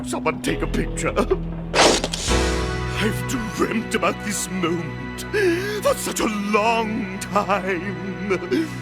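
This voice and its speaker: An actor playing a pompous, scheming, hot-tempered crocodile king in a cartoon, with a gravelly voice and melodramatic delivery. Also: extremely high pitch, full character voice. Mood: gloating, overjoyed. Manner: pompous, melodramatic, bellowing then silky. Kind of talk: theatrical cartoon villain acting. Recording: cartoon soundtrack with loud music.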